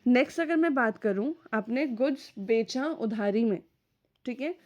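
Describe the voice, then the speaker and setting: A woman teaches an online accounting class in a recorded lecture, her voice a little high, animated, slightly slow and a little mellow. She goes step by step, keeps checking that students understand, and mixes English terms into her Hindi.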